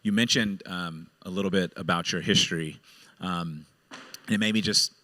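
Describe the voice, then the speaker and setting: A man's voice: deep voice, normal speed, bright, forceful tone, no room sound. A man hosting an interview, asking questions in a friendly, conversational way.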